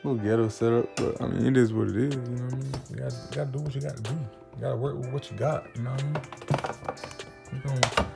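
A young man jokes around in a laid-back, teasing way as he co-hosts a home cooking vlog. He films on a phone held at arm's length. The kitchen sounds echoey, with clear music playing behind him. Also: mid-range voice, fairly even intonation, quick pace. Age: young adult. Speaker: vlog co-host. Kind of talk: casual cooking vlog chat. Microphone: phone camera held at arm's length.

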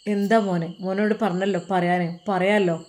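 A woman voicing a gentle middle-aged father who soothes and lightly chides his crying son. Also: medium pitch, little pitch movement, normal speed, natural voice. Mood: soothing.

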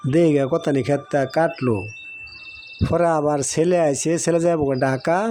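A man's voice: a little high, slight background noise, close to an everyday voice. Cartoon: a man playing an argumentative village father, raised voice. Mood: friendly. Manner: loud, pleading, argumentative. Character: rustic middle-aged village father, excitable. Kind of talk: cartoon voice acting.

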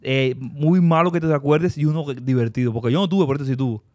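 A man with a Cuban accent interviewing a guest casually, with quick, joking questions. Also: medium pitch, darkish tone, no echo, clean studio sound. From Cuba.

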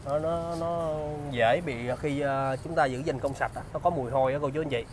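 A man in his thirties with a southern Vietnamese accent, giving a used car salesman's walkaround pitch in polite, repetitive sales patter. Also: fairly quick, slight background noise. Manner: salesman's patter, polite address and repeated selling points. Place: large open car service bay.

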